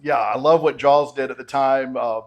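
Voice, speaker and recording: Talkative man, mid-pitched, casual podcast guest telling stories with enthusiasm. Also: fairly even intonation, normal speed. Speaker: podcast guest, film critic.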